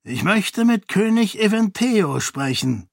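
Guy putting on a sneery fanatic monk boss, higher voice, dry close sound, audiobook. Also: sing-song, slow pace, vocal fry, no echo, heavily acted. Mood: threatening. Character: cold fanatical male monk leader, menacing. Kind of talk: audiobook character voice.

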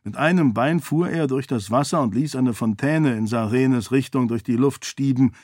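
A man narrating a novel in a steady, even storytelling manner, recorded on a close mic. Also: mid-range voice, normal speed, no echo. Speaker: audiobook narrator. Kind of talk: scripted narration.

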